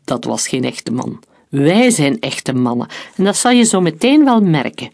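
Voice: medium pitch, very animated, a little slow, vocal fry, a little mellow, heavily acted. A narrator voicing Udo, a cruel male German soldier who mocks and gives orders in a storybook reading. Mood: mocking menace. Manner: mocking, commanding.

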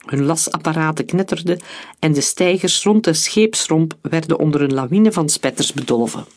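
A narrator reading a historical story in a steady storytelling voice. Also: mid-range voice, normal speed.

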